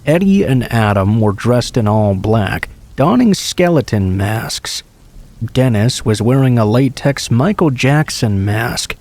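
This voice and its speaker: A man reading true scary stories aloud in the first person, in an even storytelling way. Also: mid-range voice, takes it slowly. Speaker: horror story narrator.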